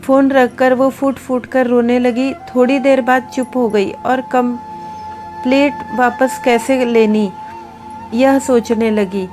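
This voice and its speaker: A woman reads a story as scripted narration, gentle and even in manner. Her voice is high, and soft music plays faintly behind her. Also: slow pace.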